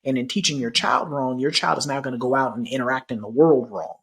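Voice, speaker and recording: Husky-voiced man podcast co-host. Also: medium pitch, fairly bright tone. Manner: measured, repeats phrases for emphasis. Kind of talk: casual reflective chat.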